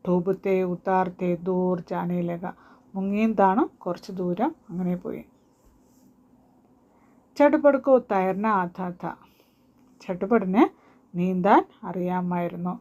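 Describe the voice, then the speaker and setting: A woman teaching a Hindi lesson. She reads each line slowly, then explains it and asks questions back. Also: on the low side, warm tone, dull audio.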